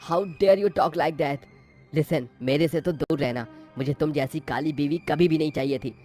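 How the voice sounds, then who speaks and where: A man's voice: mid-range voice, fairly quick, soft background music, lightly acted. A man voicing an angry, contemptuous young husband in a cartoon story, speaking curtly. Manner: curt, shouting.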